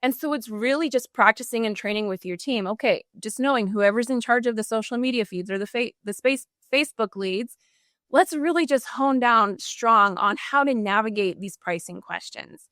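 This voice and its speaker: Guesting on a podcast, a woman who trains customer service staff answers enthusiastically, coaching as she talks and acting out brief examples. Her voice is on the high side and a bit bright, recorded dry at studio quality.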